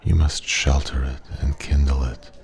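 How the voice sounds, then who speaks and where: A man playing a wise, regretful old man at a pub, a soft-spoken old sage giving slow, gentle advice in an ASMR ASMR role-play. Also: rumbling low, little pitch movement, vocal fry. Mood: earnest, tender. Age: older.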